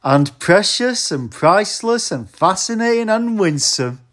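A woman's voice: medium pitch, sing-song, a little slow. A woman voicing a loving father mouse in a storybook, with emphatic, projected delivery. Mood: doting.

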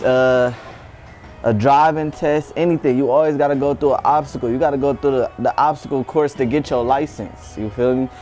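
A man's voice: medium pitch, a little mellow. A young American man giving a casual, slangy motivational talk to camera, repeating his catchphrase. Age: young adult. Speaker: fitness vlogger giving motivation. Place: small wood-panelled indoor room.

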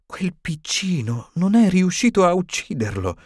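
A man voicing a stern elderly female professor in an audiobook, higher and tremulous, shaken and indignant. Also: big pitch swings, measured pace, no room sound, clean studio sound.

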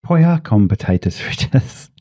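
A man's voice: mid-range voice, sing-song, unhurried, warm tone. A man rambling and joking self-deprecatingly as a podcast host. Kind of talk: casual chat.

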